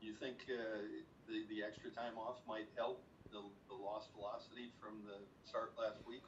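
A man's voice: fairly low pitch, little pitch movement, moderate pace, breathy edge, distant mic, lo-fi sound. A man reporter asking brief, direct questions at a press conference.

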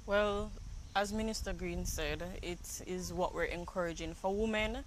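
Woman, 30s, fisheries manager, measured, outdoor panel. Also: fairly low pitch, slight background noise, rough recording. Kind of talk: panel discussion. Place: outdoor garden set. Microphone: lapel.

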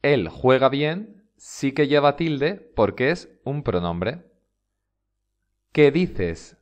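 Slow, lively Spanish teacher man. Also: medium pitch. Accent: Spanish from Spain. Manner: slow, deliberate, stresses example words. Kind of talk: scripted instructional narration.

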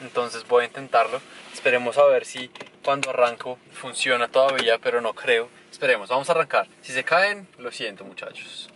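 A young Colombian man vlogs while he drives, joking with his viewers in a casual, chatty way. His voice sits at an ordinary middle pitch. The car engine and street sounds come through clearly under his voice. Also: a little fast, a bit bright. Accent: Colombian Spanish. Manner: chatty, playful, addressing viewers directly. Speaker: travel vlogger. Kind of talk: casual travel vlog. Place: small car while driving, and outdoors in town streets. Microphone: camera mounted on dashboard or held at arm's length. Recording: noisy road and street ambience.

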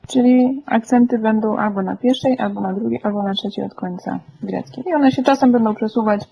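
A woman's voice: a little high, brisk, creaky, breathy edge, dull audio. A woman teaching a group lesson, patient and asking the class questions, often checking "tak?" as she explains. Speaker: Greek teacher.

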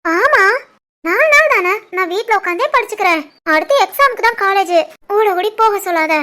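A woman voicing a stubborn, teasing young wife and new mother in an animated family comedy, with a Tirunelveli Tamil accent. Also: normal speed, exaggerated voice. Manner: high cartoon voice, playful and insistent.

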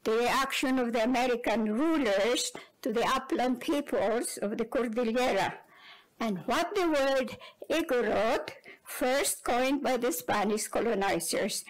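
An older woman with a Filipino accent, giving a measured academic lecture at a conference with personal asides. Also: fairly high pitch, rough recording. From Philippines. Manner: measured, digressive delivery with asides. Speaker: conference speaker.

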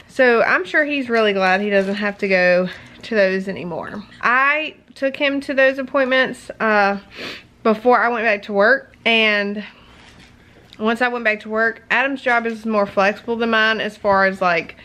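A woman's voice: on the high side, unhurried, bright, forceful tone. A young adult woman and mother chatting casually to a handheld camera at home, rambling and breaking off to talk to her children. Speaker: vlogger and mother. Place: indoors at home. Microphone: handheld compact camera.

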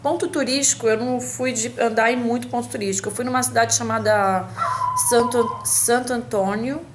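A woman's voice: fairly high pitch, fairly even intonation, normal speed, heavy background noise. A woman from Brazil talking casually to camera at home, chatty and hesitant, with many restarts and fillers. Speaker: vlogger answering a tag.

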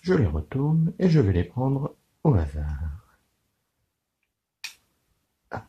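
A man giving a children's lesson on counting syllables, speaking slowly and clearly in a sing-song teacher's manner. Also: mid-range voice, very animated, mellow, highs cut off.

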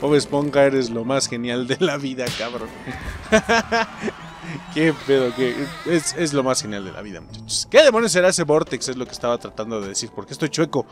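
A young Mexican man hosts a let's play, giving excitable, profane commentary on the game and constantly chatting with his viewers. His voice is mid-range, his pace normal, and faint music plays in the background.

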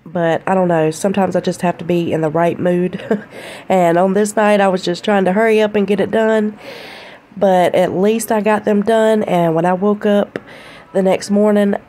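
A woman's voice: mid-range voice, steady tone, moderate pace, dark tone, a little hiss or hum. A woman, chatting casually in a voice-over about her cleaning day. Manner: chatty, down-to-earth, laughs at herself. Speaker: cleaning vlogger.

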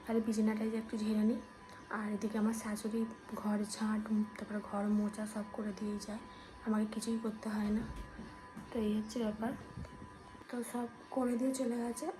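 A woman, a new mother, chatting casually to her viewers as friends in a home vlog, talking softly so she won't wake her baby. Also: mid-range voice, little pitch movement, fairly quick, rough recording. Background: background music.

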